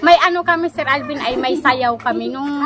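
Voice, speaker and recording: Woman, interviewee, high voice, animated storyteller who laughs a lot; music bed underneath. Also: moderate pace. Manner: animated, laughs often, keeps addressing the host. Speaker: interviewee telling a personal story. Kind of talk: casual storytelling chat.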